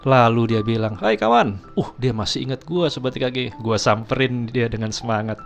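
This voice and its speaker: A man's voice: medium pitch, fairly even intonation, fairly quick, soft background music. A man casually telling a personal story, chatty, keeps addressing his viewers. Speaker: storyteller host.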